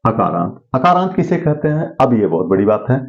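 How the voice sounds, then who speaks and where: A man's voice: medium pitch, sing-song, a little fast, darkish tone, lo-fi sound. Man teaching Sanskrit grammar, quizzing aloud. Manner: asks questions and answers them himself. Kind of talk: classroom lesson.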